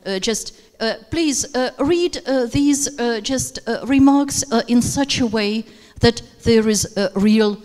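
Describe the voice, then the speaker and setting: A woman's voice: on the high side, slow, few pauses, darkish tone. A woman leading a teacher workshop, speaking hesitantly with many fillers. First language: Russian. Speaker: teacher trainer. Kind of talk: workshop lecture. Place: seminar room. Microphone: handheld microphone. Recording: hall reverb.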